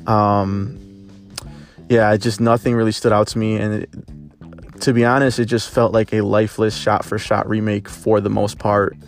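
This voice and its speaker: A young man talks through a movie review in a low, even voice that barely rises or falls. He hedges and restarts often, leaning on filler words as he thinks aloud. Soft guitar music plays faintly underneath. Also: normal speed. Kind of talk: casual spoken film review.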